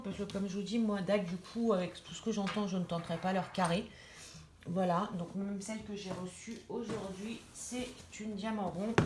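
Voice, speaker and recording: A woman talks casually through an unboxing, hesitant and chatty, full of fillers and restarts. Her voice rings in an echoey room with plain background noise. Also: mid-range voice. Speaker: diamond painting vlogger. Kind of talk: casual unboxing chat to camera.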